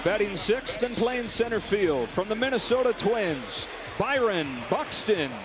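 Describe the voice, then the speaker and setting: A man working as a stadium announcer, calling out lineups in a dramatic arena style with drawn-out names over the PA. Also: sits high, expressive, background noise. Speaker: stadium public address announcer. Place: large open-air stadium, over the PA. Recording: stadium PA under loud music.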